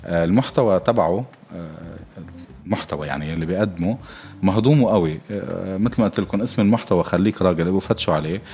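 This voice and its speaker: Lebanese male host, low voice, fast, rambling comic monologue full of hesitations. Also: a little mellow, husky. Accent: Lebanese Arabic. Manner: joking and rambling, with many halting fillers. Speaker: podcast host.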